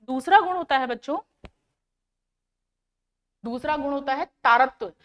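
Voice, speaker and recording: A woman science teacher with a high voice and a North Indian Hindi accent teaches schoolchildren. She asks questions and answers them herself, patiently repeating each key term. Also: measured pace, dull audio. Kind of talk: classroom lesson explaining to children.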